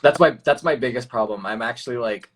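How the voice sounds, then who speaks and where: A young man chats as a guest, relaxed and easygoing, and leans on "like" as he talks. His voice sits at an ordinary middle pitch. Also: fast, a little hiss or hum. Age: young adult. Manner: relaxed, filler-heavy, says "like" often. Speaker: guest, beauty artist. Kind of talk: casual chat.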